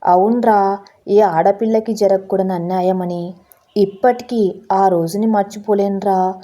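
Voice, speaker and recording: A woman's voice: mid-range voice, fairly even intonation, a little slow, dark tone, lightly acted. A woman voicing a grieving middle-aged mother who is anxious and tearful, in a pleading storytelling manner.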